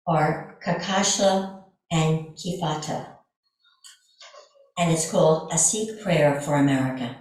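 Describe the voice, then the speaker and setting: A woman leads a church service, introducing readings in an unhurried, reflective voice. Her voice sits a little low and rings out in a big echoing sanctuary, picked up from some distance. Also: dark tone. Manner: slow, measured, reflective delivery. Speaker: worship leader. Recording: roomy hall, mic at a distance.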